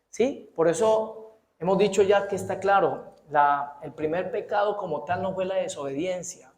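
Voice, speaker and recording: A man preaches in a high, bright voice that rings through an echoey church hall. He talks fast, trips over his words now and then, and keeps tossing rhetorical questions to the congregation. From Colombia. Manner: animated, asks the congregation frequent rhetorical questions. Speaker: pastor. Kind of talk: sermon.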